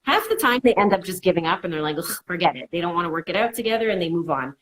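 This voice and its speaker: A woman's voice: fairly low pitch, lively intonation, very fast, a little hiss or hum, poor audio. Reassuring woman counselor acting out worries. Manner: acts out worried inner voices in quotes; reassuring, repeats "it's okay". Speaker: mental health counselor. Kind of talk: conversational advice.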